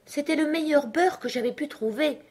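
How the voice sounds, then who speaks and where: A woman voicing the male March Hare in a storybook reading, in a high, plaintive voice. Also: expressive, unhurried.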